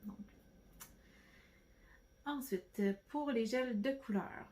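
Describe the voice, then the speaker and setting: A nail beauty vlogger from Quebec, Canada, with a Québécois French accent chats casually at home about a nail product haul. Her voice is fairly high and a little mellow, and she goes slowly, rambling with plenty of fillers and restarts. The audio is poor.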